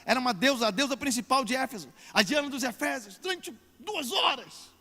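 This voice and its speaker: A man preaching as a pastor at a church service, swelling loudly for emphasis and drawing out words. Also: extremely high pitch, expressive, a little fast, big-room sound. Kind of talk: sermon.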